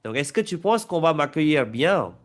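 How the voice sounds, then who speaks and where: A man's voice: a little high, very animated, normal speed. A man with a French accent, playing the examiner's part in a speaking exam role-play. He talks casually and keeps prompting with tag questions.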